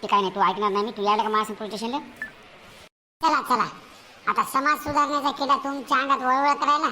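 A woman's voice: high-pitched, steady tone, bright, forceful tone, a little hiss or hum, rough recording. A woman doing a cheeky village boy. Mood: lecturing. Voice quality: cheeky, rapid, pleading "sahib".

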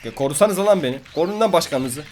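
A man's voice: fairly high pitch, animated, fast, darkish tone, a little hiss or hum. Brash young man trash-talking game creatures. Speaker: gameplay commentator. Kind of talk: casual gaming commentary.

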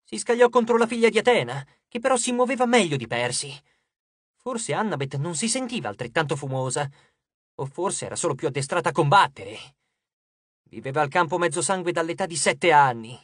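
A man narrating an audiobook in a steady, expressive storytelling voice. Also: on the high side, brisk, husky, dry recording, studio quality. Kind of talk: scripted narration.

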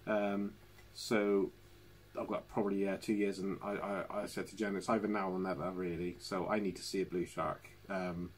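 A man's voice: low voice, flat delivery, moderate pace, slight background noise. A man hosting a casual live stream from home, chatty and laughing often as he talks to viewers. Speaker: channel host. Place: home living room.

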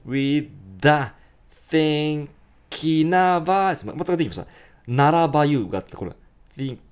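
Male English teacher, animated delivery; slow sung lyric lines, quick explanations. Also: fairly high pitch, clean tone. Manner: breaks lyrics into slow drawn-out syllables, then explains quickly. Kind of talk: pronunciation lesson, singing lyric lines slowly.

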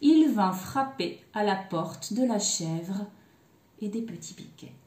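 Brief: childcare educator reading a fairy tale, unhurried, roomy echo. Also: female voice, medium pitch. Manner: slow, expressive, with hushed phrases. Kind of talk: storytelling for young children. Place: daycare room. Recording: echoey room.

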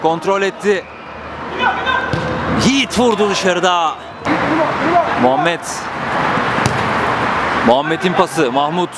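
High-voiced male football commentator, noisy pitch. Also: slow, long pauses. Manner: short clipped phrases naming players. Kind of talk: live play-by-play commentary of amateur football. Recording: noisy outdoor pitch recording.

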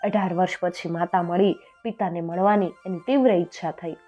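A woman telling a traditional folk tale in an expressive storytelling voice, lifting her voice for the characters. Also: on the low side, normal speed. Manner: expressive, raises voice for quoted characters. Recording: dull lo-fi sound with faint music.

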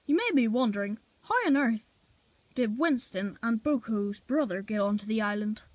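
A woman's voice: fairly high pitch, animated, normal speed, a little mellow, no room sound, lo-fi sound. A woman reading a homemade toy-train story aloud in a plain manner, with small slips now and then. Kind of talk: amateur reading of a fan story.

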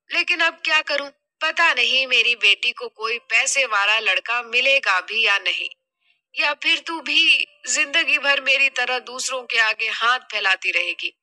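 In an audio drama, a woman plays a scheming, money-minded middle-aged mother. Her high, forceful, very bright voice is heavily acted as she nags and scolds with exasperation.

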